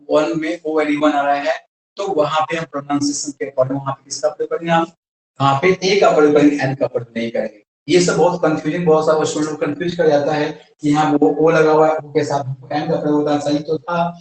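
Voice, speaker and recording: A man with an Indian accent, an English teacher, giving a classroom grammar lesson and answering his own questions. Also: fairly high pitch. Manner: asks questions and answers them himself. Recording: very echoey room, voice from far off.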